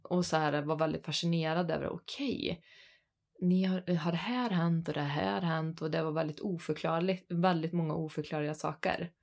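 A Swedish woman in her thirties, co-hosting a podcast and telling a spooky personal story in an animated, chatty way. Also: deep voice. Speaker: podcast co-host. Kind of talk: casual storytelling chat.

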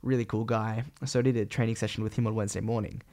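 Croaky, phlegmy young Australian man. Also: lowish voice, flat delivery, fast talker, a little mellow. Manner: rambling, slangy, swearing casually. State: sick with a cold, voice partly gone. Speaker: podcast host and vlogger. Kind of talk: casual solo podcast catch-up.

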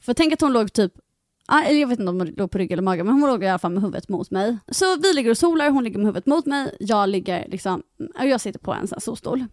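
Animated young Swedish-speaking woman, higher voice. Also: dry recording, clean studio sound. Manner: animated storytelling, heavy swearing. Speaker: podcast co-host. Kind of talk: casual chat.

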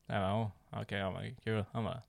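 A man's voice: on the low side, steady tone, creaky, no room sound, clean studio sound. Swearing man telling a work story. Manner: swears a lot, acts out quoted dialogue. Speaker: storyteller in a casual chat. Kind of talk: casual chat.

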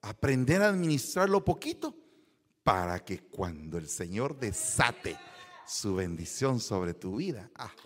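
A man's voice: fairly low pitch, big pitch swings, a little slow. A man preaching a sermon, exclamatory and jokey, often laughing. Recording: church sermon with long hall reverb.

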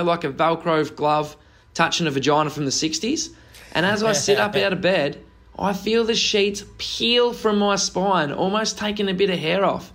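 A man's voice: high voice, fairly bright tone. A man with a broad Australian accent telling a casual anecdote in a cheeky, slang-heavy way.

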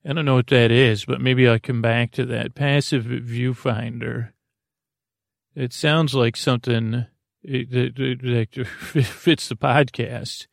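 Hosting a rambling bedtime podcast, this creaky, gravelly-voiced man speaks at medium pitch with fairly even intonation. His soothing talk meanders and halts, frequently trailing off mid-thought, in a dry, clean studio recording.

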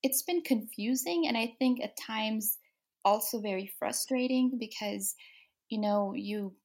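A young woman from Denmark, an author interviewed as a guest, speaking softly with many ums and restarts. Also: a little high, measured pace. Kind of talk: casual interview.

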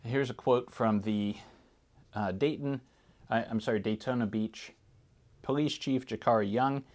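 A man's voice: medium pitch, a little slow, darkish tone. A man hosting a true crime podcast, giving informal, conversational commentary on the news.

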